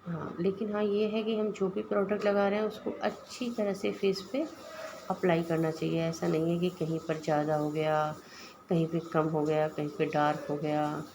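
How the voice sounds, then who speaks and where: A woman's voice: sits low, level tone, normal speed, noisy background. A woman with an Indian Hindi accent, a makeup artist explaining each step of a makeup tutorial in a voice-over and calling her viewers guys.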